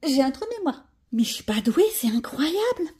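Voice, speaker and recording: A woman's voice: sits high, sing-song, fast talker. A woman chatting casually to her viewers while she colors, thinking aloud and joking about herself. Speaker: coloring vlogger.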